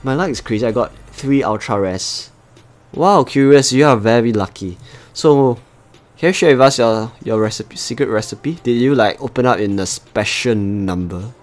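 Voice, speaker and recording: Hosting a live game stream, this man from Singapore chats casually with his audience as he plays, in a Singaporean accent. He speaks at a moderate pace in a medium-pitched voice.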